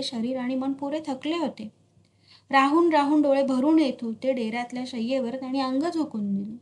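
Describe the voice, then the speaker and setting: A woman reads a historical novel aloud in a steady, dramatic storytelling voice. Her voice sits somewhat high for a woman. She paces each scene with care. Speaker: narrator.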